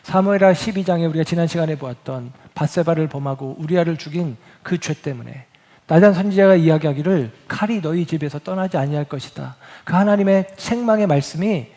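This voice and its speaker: A man's voice: on the high side, mellow. Earnest male pastor preaching in a reverberant hall. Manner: reads scripture slowly, earnest preaching with emphatic rises. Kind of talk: sermon. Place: church sanctuary.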